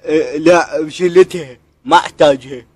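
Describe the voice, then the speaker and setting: A man's voice: on the high side, a little fast, a little mellow, husky, no echo. A man with an Iraqi accent rambling like a muddled drunk, stubborn and quarrelsome as a phone caller. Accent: Iraqi Arabic. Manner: argumentative, stubborn. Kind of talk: casual phone complaint.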